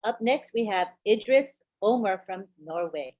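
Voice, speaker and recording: A woman moderating a webinar, briskly and in a friendly way introducing each speaker. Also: medium pitch, expressive, a little mellow.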